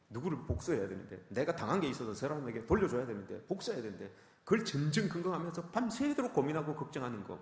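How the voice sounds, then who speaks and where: Male pastor, emphatic sermon delivery, quick and animated, in an echoey sanctuary. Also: on the high side. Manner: emphatic, repetitive preaching, addressing the congregation often.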